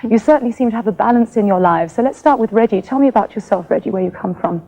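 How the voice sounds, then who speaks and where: A woman's voice: medium pitch, fast talker, dark tone. A woman hosting a TV interview in a friendly, teasing way. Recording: dull lo-fi 1980s TV tape.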